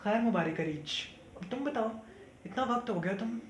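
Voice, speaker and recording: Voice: medium pitch, normal speed, lightly acted. Someone playing an earnest, reassuring elder brother. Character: earnest young man, caring elder brother. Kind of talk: amateur short-film acting. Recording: echoey room with steady background noise.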